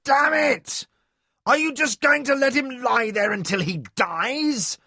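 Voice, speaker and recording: A defiant barbarian man rails in a strident, nasal voice that is pushed high and loud, as a male narrator plays him. He sounds close to shouting. The recording is dry and close. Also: very animated, unhurried, vocal fry, breathy edge, dry recording, exaggerated voice. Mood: angry.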